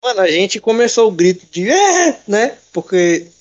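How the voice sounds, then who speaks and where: A man in casual chat with friends, retelling a film as an animated, jokey storyteller full of slang. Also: high voice, normal speed, lo-fi sound.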